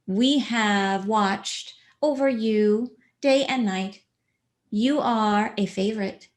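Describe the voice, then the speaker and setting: A woman channeling a spiritual message in a slow, measured, solemn way, speaking as a collective. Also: mid-range voice.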